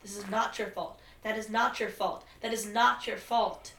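A woman reading a calm female therapist who speaks in a steady, reassuring way. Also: mid-range voice, normal speed, roomy sound, far from the mic, close to an everyday voice.

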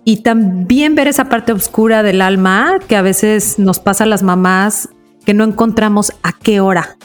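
A woman hosts a podcast interview in a gentle, reflective way. She asks open, caring questions. Faint music plays underneath. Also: medium pitch, normal speed. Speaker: podcast co-host. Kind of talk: interview chat.

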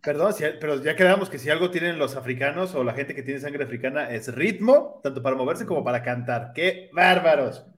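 A man's voice: on the high side, brisk, few pauses. A man co-hosting a reaction podcast, telling stories animatedly. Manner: animated storytelling. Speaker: podcast co-host. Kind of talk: casual reaction chat.

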